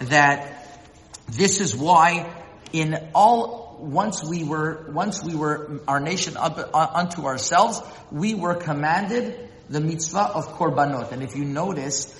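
A man giving a religious lecture as a Torah teacher, often halting and repeating words as he searches for them. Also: a little high, fairly bright tone, slight background noise. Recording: echoey hall with long reverb.

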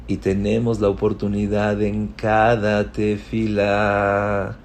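A man giving a sermon through a story, his voice swinging from hushed to loud and high with emotion. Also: completely flat delivery, slow pace, slight background noise.

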